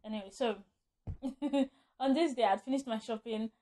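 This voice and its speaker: A woman tells a story to her vlog camera in a loose, rambling way. She stops to correct herself and breaks into nervous laughs. Her voice sits a little high. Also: moderate pace, dark tone. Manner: rambling, self-correcting, laughs often while telling. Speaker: vlogger.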